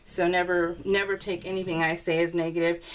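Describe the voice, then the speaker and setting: A woman shows scrapbook pages in a craft video, chatting casually with viewers, rambling and giggling as she keeps interrupting herself. Her lowish voice is brisk with little pitch movement, in a clearly noisy home recording full of clicks.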